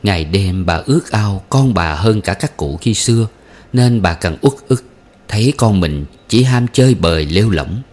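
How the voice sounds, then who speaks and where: A male audiobook narrator reading a novel. His voice is fairly low. His storytelling is steady and measured.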